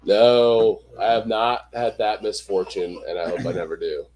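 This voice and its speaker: A man's voice: lowish voice, moderate pace, darkish tone. A man chatting casually on a livestream as a host, with a teasing, wry manner. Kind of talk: casual group chat on a livestream.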